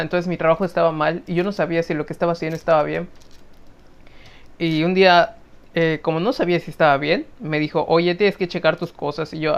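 A young man with a Mexican accent, telling work stories on a podcast in a casual, lively way, often laughing. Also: a little high, gravelly, clean tone. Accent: Mexican Spanish. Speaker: podcast co-host. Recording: muffled lo-fi audio.

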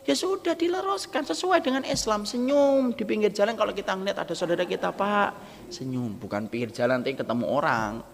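Gravelly preacher with a lilt. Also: male voice, sits high. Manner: lively, joking, acts out quoted dialogue. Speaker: Islamic preacher. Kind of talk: humorous sermon. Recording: gravelly voice with long hall reverb, faint background noise.

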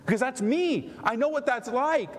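A middle-aged male pastor preaching a sermon, swinging between loud pleading and quiet tender talk. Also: very high-pitched, lively intonation, measured pace, long reverb tail.

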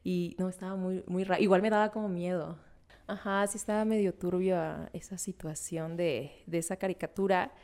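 Animated Mexican woman telling stories. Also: lowish voice, normal speed. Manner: animated, laughing, slangy storytelling. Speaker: podcast co-host. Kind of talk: casual nostalgic chat.

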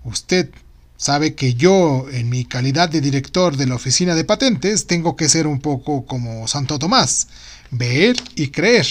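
A sardonic male bureaucrat, as a storyteller puts him on talks in a somewhat high voice. He is officious, wordy and sceptical, mocking in a storybook manner. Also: expressive, measured pace. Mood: astonished, sceptical. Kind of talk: audio storybook.

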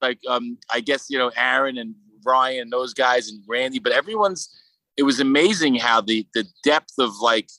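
A man with a Brooklyn accent talking casually as a podcast guest, in a halting, rambling way full of "you know". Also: mid-range voice, bright, forceful tone, dry recording, rough recording. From Brooklyn, New York. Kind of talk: casual conversational interview.

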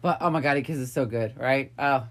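A woman co-hosting a podcast, telling a story in frank, profane, animated casual chat. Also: extremely low pitch, moderate pace. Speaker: podcast co-host.

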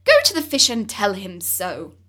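A woman voicing a greedy, restless wife who makes loud, high demands in a storybook reading. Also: very animated, moderate pace. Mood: demanding.

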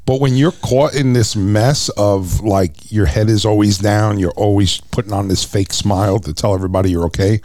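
A man's voice: fairly low pitch, normal speed, few pauses. A middle-aged man, a former professional wrestler, giving an earnest personal testimony as a guest in an interview. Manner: earnest storyteller, lively when retelling.

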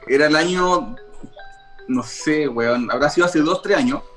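A Chilean man tells a story in a loose, slangy way, stumbling and restarting as he goes. His voice is a little high, with faint music underneath. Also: a little slow, fairly bright tone. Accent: Chilean Spanish. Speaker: podcast panelist. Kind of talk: casual storytelling among friends.

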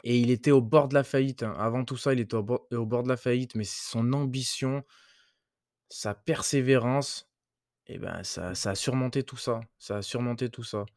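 A man's voice: mid-range voice, moderate pace, darkish tone, no room sound, clean studio sound. A man hosting a casual motivational podcast, talking loosely with crude slang and many hesitations. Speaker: podcast host.

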